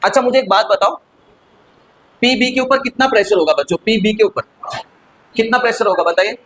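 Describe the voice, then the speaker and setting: A man's voice: high voice, a little fast, a bit bright, low-quality recording. A male physics teacher giving a classroom lecture, constantly asking the students questions and answering them himself, with English terms mixed into his explanation.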